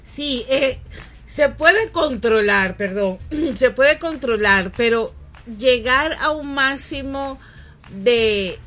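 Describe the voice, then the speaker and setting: A woman's voice: high-pitched, lively intonation, slow, sharp tone, soft background music. A woman with a Venezuelan accent hosting a radio talk show, speaking thoughtfully, correcting herself and turning to address listeners directly. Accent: Venezuelan Spanish. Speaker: radio host. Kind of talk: casual studio chat. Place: radio studio.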